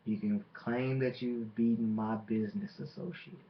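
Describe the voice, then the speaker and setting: A man delivering a boastful, taunting wrestling promo as a monologue, with deliberate dramatic pauses. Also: fairly low pitch, fairly even intonation. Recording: dull lo-fi microphone recording.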